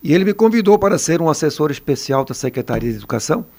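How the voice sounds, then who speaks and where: An older man, a former teacher telling stories in a relaxed interview and often ending phrases with a tag question. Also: on the high side, racing. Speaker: retired teacher and education adviser. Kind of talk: casual interview storytelling.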